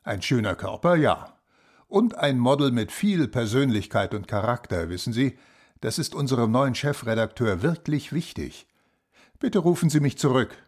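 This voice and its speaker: An actor playing a businesslike male magazine editor who leaves a polite, hurried voicemail in a scripted language-lesson dialogue. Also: medium pitch, sing-song. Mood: polite, urgent. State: leaving a voicemail.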